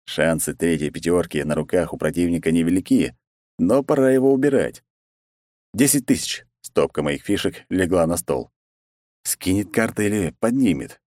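Male audiobook narrator, low voice, dry booth, acts out dialogue. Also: sing-song, normal speed, mellow, no room sound. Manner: reads first-person story, raises pitch for characters' lines.

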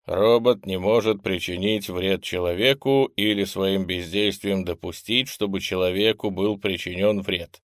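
A man reading a story aloud with an expressive narration. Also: on the low side, no echo, studio quality. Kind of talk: audiobook narration.

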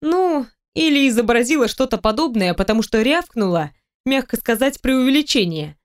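A woman reading a first-person romantic comedy audiobook with wry, expressive storytelling. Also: on the high side, brisk. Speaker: audiobook narrator. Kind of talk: first-person scripted narration.

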